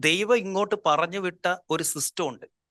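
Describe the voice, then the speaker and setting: Motivational speaker, male, higher register, dry close sound; punchy delivery with rhetorical questions and English phrases mixed in. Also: normal speed, sharp tone, no echo. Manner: emphatic, asks the listeners rhetorical questions; mixes English phrases into his speech. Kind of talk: motivational talk.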